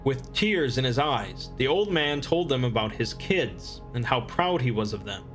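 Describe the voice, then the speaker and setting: A man reading scripted explainer narration in a measured, expository manner. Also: medium pitch, expressive, fairly bright tone, faint music behind.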